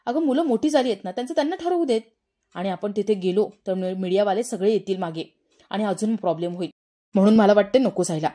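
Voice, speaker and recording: A woman reading the part of a calm, sensible middle-aged husband persuading his wife. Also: medium pitch, fast talker, lightly acted.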